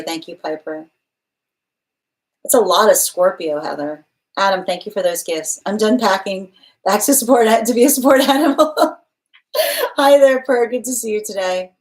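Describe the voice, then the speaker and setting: A tarot reader with a lowish voice does a live-streamed reading, thinking out loud, reading viewer comments aloud, and frequently starting her phrases over. The recording quality is rough.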